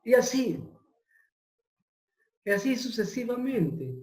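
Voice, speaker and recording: A middle-aged man telling a personal testimony as an interview guest, halting and searching for his words. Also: very high voice, sing-song, darkish tone. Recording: roomy echo.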